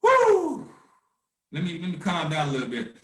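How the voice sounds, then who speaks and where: A man's voice: a little high, very fast, far from the mic. Fiery man, roomy echo. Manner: fiery, swinging from shouting to hushed calm. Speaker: host of a conference call. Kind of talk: impassioned activist talk.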